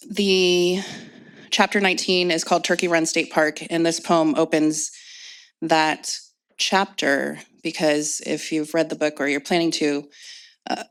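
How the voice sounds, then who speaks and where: A woman from Indianapolis speaking to a live audience, then reading her own poems in a slow, measured way. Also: low-pitched, fairly even intonation, smooth. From Indianapolis, United States. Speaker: poet reading her work. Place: event space with an audience.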